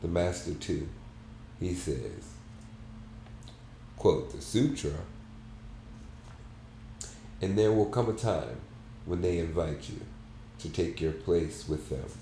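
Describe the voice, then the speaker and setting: A man hosting a book club, reading a book aloud in a soft, halting, measured way. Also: sits low, lively intonation, creaky. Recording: roomy echo, faint background hum.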